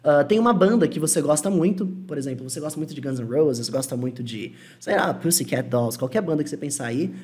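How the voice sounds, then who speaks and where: A man with a Brazilian Portuguese accent teaching an English lesson, explaining patiently and slowing down to model English phrases. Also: a little high, lively intonation, darkish tone. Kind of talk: online language lesson.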